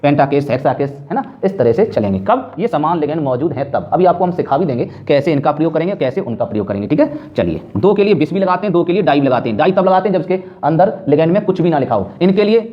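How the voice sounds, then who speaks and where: A man's voice: fairly high pitch, animated, quick pace, hardly any pauses. Man teaching chemistry, quizzing himself. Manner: repetitive, asks and answers own questions. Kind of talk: classroom lecture. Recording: dull lo-fi sound.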